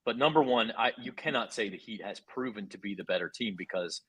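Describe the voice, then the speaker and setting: A man co-hosting a sports betting talk show, pushing back with measured, reasoned points. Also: fairly low pitch, crowd noise. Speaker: sports betting podcast co-host. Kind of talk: casual sports betting debate.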